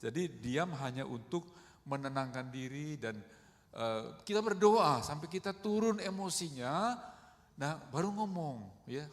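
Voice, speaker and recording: A middle-aged man preaching a sermon in a conversational way, often calling the congregation "saudara" and acting out quoted speech with big swings in loudness. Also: fairly high pitch. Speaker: pastor. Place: church hall. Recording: long hall reverb.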